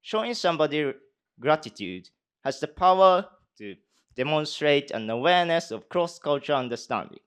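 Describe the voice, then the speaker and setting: In a conference hall, a young Japanese man in his twenties, a university student with a posh British accent, delivers a speech and then answers questions with lots of hesitant fillers. He speaks at a moderate pace in a fairly high, sing-song voice whose tone is fairly bright and clean.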